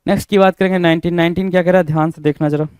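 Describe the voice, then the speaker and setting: A man's voice: fairly high pitch, steady tone, racing, a little mellow, smooth, dry recording. Indian man teaching vocabulary, spelling words aloud. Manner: repetitive, spells words letter by letter, quizzes listeners. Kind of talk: exam-prep vocabulary lesson.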